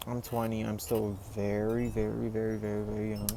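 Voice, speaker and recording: Young man, 20s, casual vlog monologue, fry in the voice, noisy room tone. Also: on the low side, monotone, a little fast. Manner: rambling, full of "like" and "you know", restarts. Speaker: vlogger. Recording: noisy background ambience.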